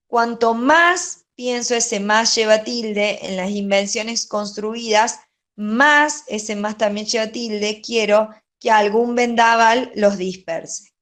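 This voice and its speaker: A woman's voice: on the high side, takes it slowly, fairly bright tone. A woman teaching a grammar lesson, going over exercise answers patiently and often checking in with "¿sí?". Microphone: online class.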